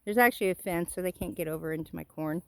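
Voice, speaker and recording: A woman's voice: lowish voice, quick pace, fairly bright tone, slight background noise. A woman giving a casual walking tour of her garden, chatty and a bit out of breath, recorded outdoors on a handheld phone. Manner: chatty, pointing things out while walking outdoors. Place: outdoors in a rural yard.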